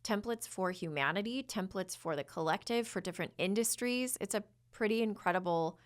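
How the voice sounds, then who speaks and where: A woman hosts a spiritual podcast in a mid-pitched voice, talking in loose, rambling sentences full of restarts. She often drops into hushed, breathy passages and flowing chants of invented syllables before chatting on again. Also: brisk. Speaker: podcast host, spiritual channeler. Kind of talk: casual spiritual guidance with channeled chanting.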